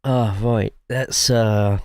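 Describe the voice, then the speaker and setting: A man's voice: on the low side, steady tone, extremely slow, darkish tone, slight background noise. A man with a cough giving casual, chatty live commentary while streaming a sim racing game, swearing freely and reading chat aloud.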